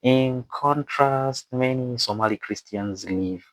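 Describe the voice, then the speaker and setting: A non-native English-speaking man presents and narrates a scripted explainer video with asides, halting, stumbling over words and repeating phrases. His voice is medium-pitched and there's no echo.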